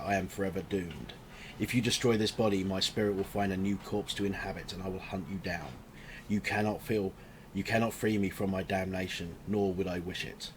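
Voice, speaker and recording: Man voicing a deep, gravelly, growling undead knight. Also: a little hiss or hum, close to an everyday voice. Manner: solemn, archaic, threatening speech. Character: gaunt undead knight revenant, embittered, doomed and vengeful. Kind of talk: tabletop game character voice.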